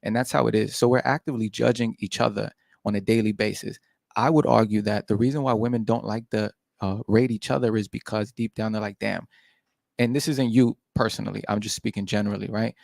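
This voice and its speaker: A man's voice: lowish voice, steady tone, fast, vocal fry, a little mellow, no echo, clean studio sound. A man on a podcast panel who lectures in a casual debate and keeps asking "right?".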